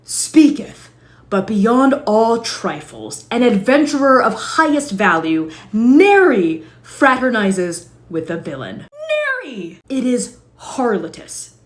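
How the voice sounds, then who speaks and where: A woman plays a pompous fantasy snob who lectures in stilted mock-medieval speech. The voice is haughty and lively, swinging widely in pitch. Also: slow pace.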